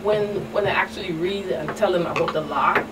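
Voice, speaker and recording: This woman, speaking with a Caribbean accent, is a community outreach specialist being interviewed as a talk show's guest expert; she vividly recounts exchanges and echoes phrases. Her voice is lowish and fairly quick. Recorded on a distant mic, the clip has noticeable background noise.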